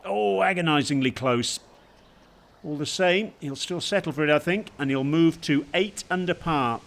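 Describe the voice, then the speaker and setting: A man working as a golf commentator, giving measured television highlights commentary with brief exclamations. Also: vocal fry, fairly bright tone.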